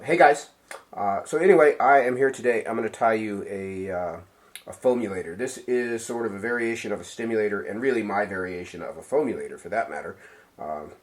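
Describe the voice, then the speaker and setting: Low-voiced man, rambling fly tying instructor. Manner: relaxed, rambling, many ums and uhs. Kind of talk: casual how-to demonstration.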